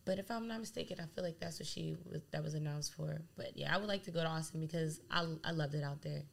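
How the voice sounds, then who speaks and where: A young woman from Delaware who works as a DJ chats casually as a guest in an interview, her low voice moving quickly with a touch of vocal fry. She rambles in an animated way, leaning heavily on "like."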